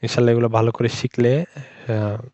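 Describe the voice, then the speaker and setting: Man, Bengali native speaker, English pronunciation teacher, patient, repeats each sound, flat even tone. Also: medium pitch, dry recording. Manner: slow, patient, repeats sounds many times. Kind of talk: language lesson.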